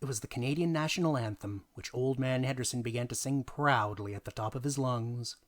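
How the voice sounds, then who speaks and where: A man with a mid-range voice narrates a tabletop gaming tale as a dramatic reading. He leans into it theatrically, stressing words and pausing for effect.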